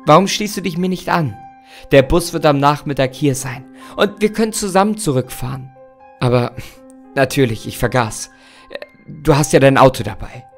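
A man's voice: on the high side, lively intonation, normal speed, soft background music. A man reading aloud, voicing a skeptical writer who speaks in a light, reassuring way. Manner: light, reassuring, a bit raised.

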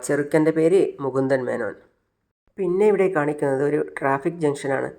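A man's voice: on the high side, fairly quick, darkish tone. A man casually retelling an episode of a family serial, with small slips and restarts.

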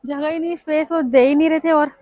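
A woman's voice: high voice, steady tone, fast talker, warm tone, dry recording. A Pakistani woman with a Pakistani Urdu accent, filming a casual shopping vlog on her phone and chatting as she asks stall prices. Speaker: shopping vlogger. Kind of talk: casual walk-through vlog. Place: crowded outdoor street market. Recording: busy crowd noise behind.

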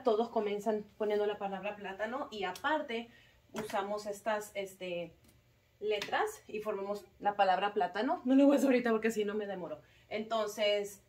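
A woman who teaches kindergarten walks parents through the week's classroom activities in an easygoing, chatty way. Her speech is full of small fillers and quick self-corrections. She often slows down to stretch words out syllable by syllable, and her voice sits at an ordinary middle pitch. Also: a little mellow. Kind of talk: casual explanation to parents.

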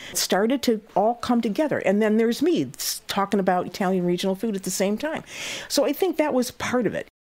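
A woman in her eighties, a guest who hosts a cooking show, telling her story in an interview with lively energy and frequent laughs. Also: mid-range voice, a little fast. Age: 80s. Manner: lively, laughing, acts out quoted voices.

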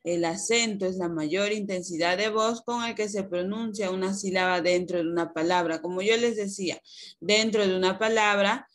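A woman's voice: medium pitch, normal speed. A woman primary school teacher giving an online lesson over a video call, explaining patiently and asking rhetorical questions.

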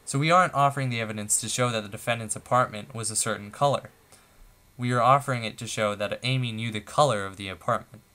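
A man presenting a tutorial lecture, explaining points in a steady, methodical way with a few fillers. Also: medium pitch, fast talker. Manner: steady, methodical, stepping through numbered points with occasional fillers.

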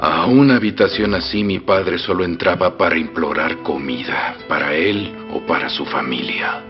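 Close to an everyday voice, this low male delivery at normal speed comes from a Mexican-accented actor dubbing a middle-aged revolutionary general. The general is jovial, teasing, threatening and laughing loudly, swinging from soft menace to loud outbursts. Faint music and long reverb sit on the dull film soundtrack.

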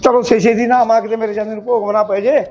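A man's voice: high-pitched, flat delivery, fast, darkish tone, dull audio, faint music behind, close to an everyday voice. An actor playing a fussy old grandfather who keeps insisting on going first, in a village comedy drama. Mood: impatient. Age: older. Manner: insistent, impatient.

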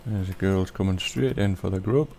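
A man giving relaxed, rambling commentary over a farming game, with lots of ums. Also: sits low, normal speed, creaky, a little hiss or hum. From Britain. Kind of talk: casual gameplay commentary.

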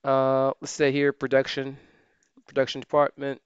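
A software trainer walks through a task step by step in a screen-recorded tutorial, thinking aloud while typing and fixing his own slips, with plenty of fillers. His smooth, resonant voice is medium-pitched at normal speed and relaxed, recorded dry and a bit dull, like a close desk mic in a quiet room.

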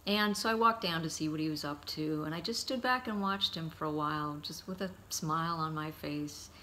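Bright-toned man telling memories. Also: a little high, a little hiss or hum. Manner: warm, halting anecdotes with frequent pauses. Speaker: son giving a eulogy. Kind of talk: heartfelt memorial storytelling.

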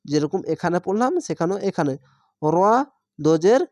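Slow, patient woman spelling recitation. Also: on the low side, dry recording, studio quality. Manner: spells each syllable then blends it, patient and drawn out. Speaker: Quran reading teacher.

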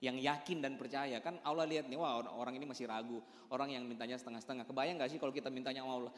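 A man's voice: mid-range voice, fairly even intonation, very fast. A man giving an emphatic motivational talk to a live audience, speaking straight to them. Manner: emphatic, addresses the audience directly, mixes in English words. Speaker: motivational speaker at a business meeting. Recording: echoey hall with long reverb.

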